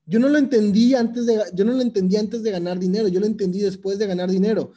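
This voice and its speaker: A young man with a Mexican accent delivers a motivational talk in a loose, slangy way. He sits high in his range with a soft, mellow tone. He stresses his points by saying them twice. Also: steady tone, fast talker. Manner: casual, slangy, emphatic with repetition. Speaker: motivational speaker. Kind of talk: motivational monologue.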